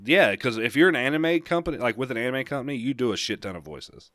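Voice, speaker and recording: A man's voice: mid-range voice, animated, fast talker, a bit bright, no echo, studio quality. A young man co-hosting a casual gaming podcast, rambling and enthusiastic, laughing often. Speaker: podcast co-host.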